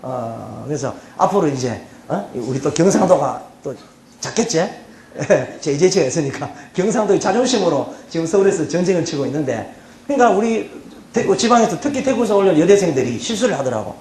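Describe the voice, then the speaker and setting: This middle-aged speaker from the Gyeongsang region of South Korea has a fairly high, slightly mellow voice with lively intonation and a Gyeongsang accent. Lecturing at a university with humor, he teases his students and keeps asking "예?" and "어?" to check on them. The hall is spacious, with faint noise in the background.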